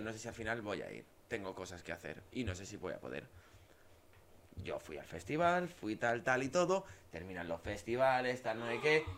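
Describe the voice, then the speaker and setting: Young guy, podcast co-host, animated anecdote teller who laughs and acts out quotes. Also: mid-range voice. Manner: storytelling, laughs often, acts out quoted lines. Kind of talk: casual chat.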